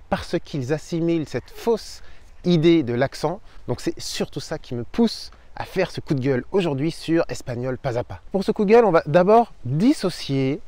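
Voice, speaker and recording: A French-speaking man who teaches Spanish, hosting an energetic video lesson and rant, emphatic and punchy as he explains, recorded outdoors in an old town. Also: a little high, no echo. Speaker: Spanish teacher and channel host.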